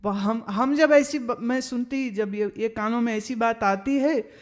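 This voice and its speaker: A woman spiritual teacher giving a discourse, telling anecdotes in a lively way and acting out what other people said. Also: fairly high pitch, a little slow. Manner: lively storytelling, acts out other people's remarks.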